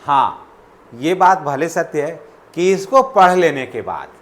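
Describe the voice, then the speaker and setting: Man, exam syllabus explainer, repetitive listing instructions, fairly high pitch. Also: very animated, fairly bright tone. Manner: lists topics in rapid repetitive instructions. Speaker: channel host.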